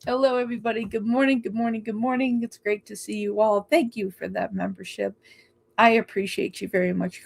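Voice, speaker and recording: A woman hosting a live tarot stream, chatting casually, greeting viewers by name and laughing often. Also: a little high. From Oregon.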